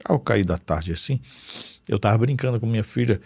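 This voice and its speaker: Earnest man, husky voice. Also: animated, brisk, no room sound, studio quality. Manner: earnest, swings between loud bursts and hushed low tones. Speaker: guest giving a testimony. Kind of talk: emotional faith testimony. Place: studio.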